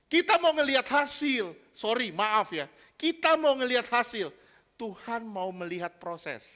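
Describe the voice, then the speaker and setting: Male pastor, high and bright, emphatic sermon delivery with questions to the room. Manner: emphatic, asks the congregation questions, acts out little scenes.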